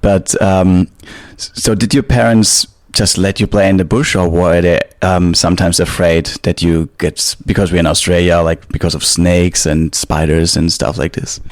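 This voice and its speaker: A man's voice: low voice, little pitch movement, moderate pace, hardly any pauses, no room sound. A man co-hosting a podcast in English, which is not his first language, asking questions with many fillers. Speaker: podcast co-host. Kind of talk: podcast intro and interview. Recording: intro over guitar music. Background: guitar music.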